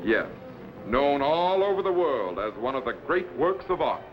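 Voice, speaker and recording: An actor playing an authoritative, courteous time-traveling captain who lectures formally in the declamatory style of a 1950s TV sci-fi serial. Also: male voice, a little high, sing-song, moderate pace. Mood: courteous, solemn. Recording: dull, lo-fi vintage broadcast recording.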